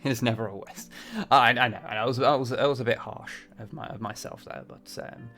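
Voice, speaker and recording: A man's voice: medium pitch, fairly even intonation, a little fast, fairly bright tone. A man doing casual livestream game commentary, rambling a little and reading story text aloud. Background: faint music.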